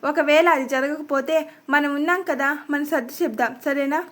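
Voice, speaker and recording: A woman voicing a calm, middle-aged father who soothes his worried wife in a steady way. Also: high voice, moderate pace. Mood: reassuring.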